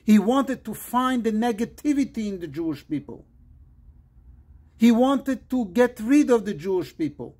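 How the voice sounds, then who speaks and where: A man from Morocco, a rabbi, giving an earnest pre-Shabbat sermon in short, measured phrases. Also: sits high, very animated, a little mellow, husky.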